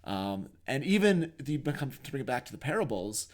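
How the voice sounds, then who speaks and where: He's a podcast co-host whose mid-range voice is very animated and fairly quick. Thinking aloud as he goes, he explains his views in a relaxed, reflective conversation.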